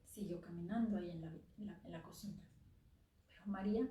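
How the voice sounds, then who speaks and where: A woman telling a dark tale on a theater stage, dropping at times to a near-whisper for effect. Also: fairly low pitch, steady tone, fairly quick, a little hiss or hum. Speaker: oral storyteller. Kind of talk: dramatic live story narration. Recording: echoey theater, from far off the mic.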